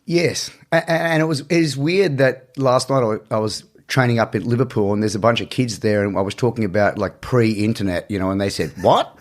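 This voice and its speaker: A middle-aged man, sitting in as a podcast guest. He tells anecdotes in an animated, casual way and often laughs at his own stories. His voice sits at a middle pitch. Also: brisk, hardly any pauses. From Australia. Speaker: guest, martial arts instructor. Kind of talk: casual interview storytelling.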